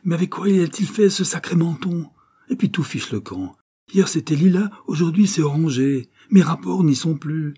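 A man's voice: mid-range voice, unhurried, breathy edge, voice pushed up. A man voicing a grief-stricken widowed painter who breaks into feverish, exclaiming talk. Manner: anguished then feverishly excited exclamations.

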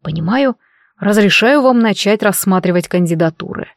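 A woman's voice: medium pitch, expressive, moderate pace, no room sound, studio quality, natural voice. Woman reading a stern male emperor. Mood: cold. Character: stern grown male emperor, curt and cold.

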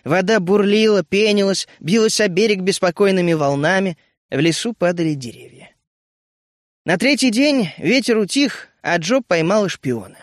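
A man reading an adventure story aloud, narrating in a measured, even storytelling manner. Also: high-pitched, dry recording, studio quality. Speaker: audiobook reader. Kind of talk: scripted narration.

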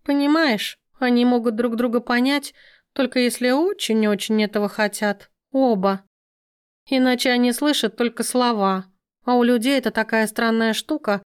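A woman's voice: fairly high pitch, moderate pace, clean tone, pitched above the performer's own voice, natural voice. Sly talking cat, female, knowing and teasing; woman reader does the voice. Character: wise mocking female cat.

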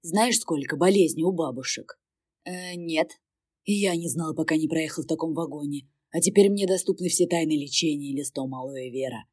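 A woman's voice: sits low, moderate pace, darkish tone, husky, no room sound, clean studio sound. A woman voicing a smug male demon companion who teases in a drawling way in a storybook reading. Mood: smug teasing. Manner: drawling, teasing.

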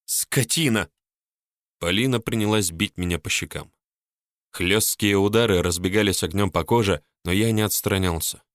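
A man reading a first-person story as an audiobook narrator, calm and steady. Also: low voice, moderate pace, dry recording, studio quality.

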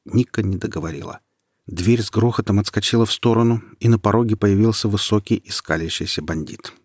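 A man reading an audiobook in a measured, even narration. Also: on the low side, no room sound. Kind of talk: scripted narration.

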